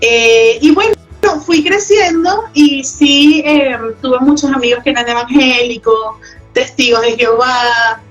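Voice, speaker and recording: A woman's voice: sits high, measured pace, faint music behind, rough recording. A Venezuelan woman with a Venezuelan accent, a guest talking reflectively in a casual interview chat. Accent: Venezuelan Spanish. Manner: reflective, often adds tag questions.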